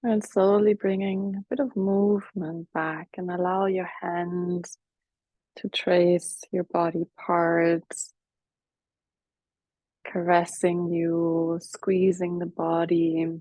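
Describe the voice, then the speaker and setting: A woman leading a guided breathing meditation as a teacher, speaking softly and soothingly, with some cues half whispered. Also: fairly low pitch, level tone, no echo, rough recording. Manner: soft, slow, soothing guidance with whispered cues.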